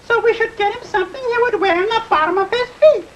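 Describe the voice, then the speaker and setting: An actress playing a squabbling, eager young stepsister in a comic fairy tale, whiny and childish. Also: female voice, very high voice, fast talker, dull audio, slight background noise.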